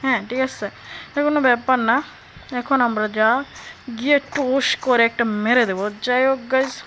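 Excitable Sylheti woman gaming commentator. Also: high-pitched, fairly quick, slight background noise, poor audio. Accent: Sylheti Bengali. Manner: chatty, excitable, addresses viewers, frequent exclamations. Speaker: gaming YouTuber. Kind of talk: mobile game commentary.

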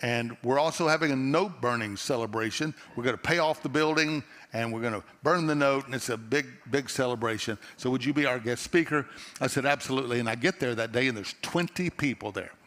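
A middle-aged man with a Texan accent, a pastor, preaches through a headset mic to a seated audience from a large church stage. His mid-range, fairly bright voice moves a little fast as he tells stories earnestly and conversationally, often restarting phrases. The church auditorium lends a long hall reverb.

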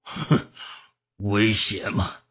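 A man's voice: lowish voice, extremely slow. A man voicing a resentful, scheming male gang leader in an audiobook, speaking in a grudging, clipped and sullen way. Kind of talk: audiobook character voice. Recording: dull lo-fi audio.

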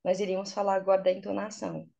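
A woman's voice: medium pitch, level tone, racing, creaky, mellow. A woman with a Brazilian Portuguese accent, an English teacher patiently explaining her points step by step in a casual interview. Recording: dull, lo-fi sound.

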